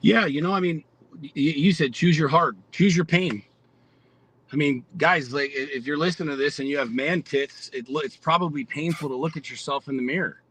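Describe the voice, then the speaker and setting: Brisk and husky, with a slightly high, somewhat bright voice, this forties-aged podcast guest speaks in a blunt, profanity-heavy, pumped-up motivational style. It's a casual conversation on a rough recording.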